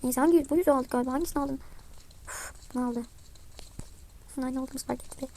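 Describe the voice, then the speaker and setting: A young woman with a high voice talks over her gameplay in a chatty, excitable way. She sounds a bit sick and often drops to a quiet mutter. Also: a little fast. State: slightly sick voice. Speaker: gaming vlogger. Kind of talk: casual gameplay commentary.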